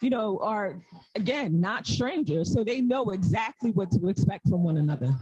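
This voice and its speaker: A man doing color commentary on a basketball broadcast, making relaxed, joking asides to his partner. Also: high voice, moderate pace, breathy edge, dull audio.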